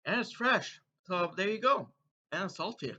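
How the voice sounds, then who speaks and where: A man's voice: sits high, lively intonation, moderate pace, sharp tone. A man hosting a casual taste-test vlog, playfully announcing his verdicts while munching crunchy chips between remarks. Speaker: food taste-test reviewer and host. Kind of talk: casual snack review vlog to viewers. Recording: dull, muffled lo-fi sound.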